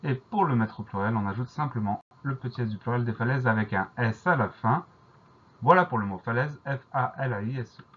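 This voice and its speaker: A man teaching a French spelling dictation lesson, spelling each word out letter by letter in a slow, deliberate way. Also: medium pitch, breathy edge, muffled recording.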